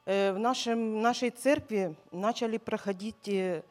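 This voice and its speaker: A woman from Ukraine shares her church testimony in short, hesitant bursts, filling the gaps with soft hesitation sounds. Her pitch sits in a middle range for a woman. Faint music plays underneath. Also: normal speed. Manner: hesitant, many filler sounds. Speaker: church member giving a testimony. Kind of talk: halting personal testimony, paused for interpreting.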